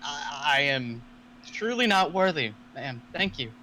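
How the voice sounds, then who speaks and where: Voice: mid-range voice, lively intonation, a little slow, bright, forceful tone, a little hiss or hum, rough recording. A man playing a humble, awed female druid who mutters reverently in a tabletop role-play.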